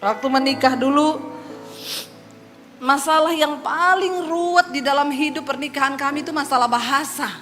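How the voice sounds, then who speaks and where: A woman from Sulawesi giving her testimony as a preacher, a lively storyteller who slips into voices. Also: sits high, normal speed. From Sulawesi, Indonesia. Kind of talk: testimony sermon. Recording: long hall reverb with faint music.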